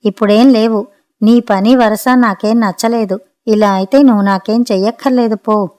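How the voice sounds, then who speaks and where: A woman plays an impatient housewife from an audio storybook who snaps at her servant. The voice is somewhat high, curt and scolding. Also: moderate pace, darkish tone, close to an everyday voice. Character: sharp-tongued adult daughter, impatient woman.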